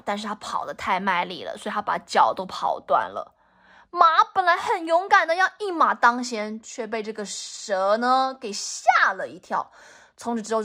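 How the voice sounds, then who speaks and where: A mother reading a picture book aloud to her child, animated and teacherly, often asking questions. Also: a little high.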